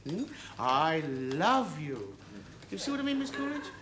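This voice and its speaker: An actor playing a well-meaning, hesitant middle-aged husband who stammers in a studio sitcom. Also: male voice, very high voice, very fast, noisy background.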